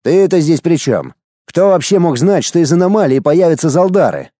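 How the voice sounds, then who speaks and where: A brusque, irritable soldier officer, as a male audiobook reader puts him on, snapping out his words with lively jumps in pitch. The voice sits mid-range with a dark, mellow tone, recorded dry and close. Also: moderate pace, no echo, lightly acted. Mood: irritated. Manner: brusque, exclaiming.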